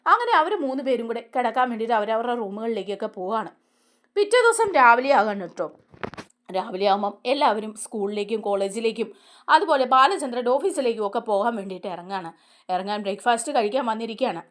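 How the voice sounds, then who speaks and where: A woman casually retelling a TV serial episode. She talks very fast in a fairly high voice, chatty and conversational, checking in with listeners as she goes. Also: lively intonation. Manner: chatty, fast, tag questions. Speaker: serial reviewer.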